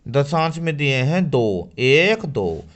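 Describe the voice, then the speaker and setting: A man's voice: fairly high pitch, very animated, slow pace. A man teaching a school maths lesson to children. He asks questions and answers them himself. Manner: addresses children directly.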